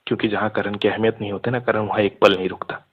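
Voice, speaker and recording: A young man argues insistently on a casual phone call, dropping English words into his speech. His voice is fairly low, flat, quick and a bit breathy, and the phone-line audio sounds muffled.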